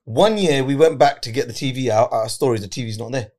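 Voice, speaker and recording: A man on a podcast telling a story with excited, animated energy. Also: medium pitch, fast talker. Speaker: podcast guest. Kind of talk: casual storytelling.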